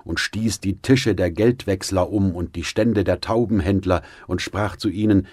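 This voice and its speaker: A man narrating a Bible audiobook in a calm, measured reading style on a close studio mic. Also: low voice, no room sound. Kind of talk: scripted scripture reading.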